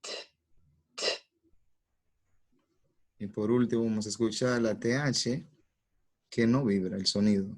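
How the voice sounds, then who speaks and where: A man teaching pronunciation in a lesson. He patiently explains each step and says every sound or word twice, slowly and carefully. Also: on the low side, steady tone, a little mellow.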